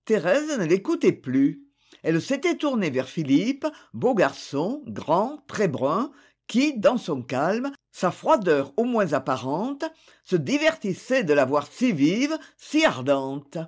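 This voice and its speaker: An audiobook reader giving a measured, expressive literary narration. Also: medium pitch.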